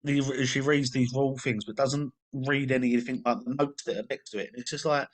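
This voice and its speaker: A young man co-hosting a casual film review podcast, easygoing and halting, with frequent restarts. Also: mid-range voice, fairly even intonation. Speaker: podcast co-host.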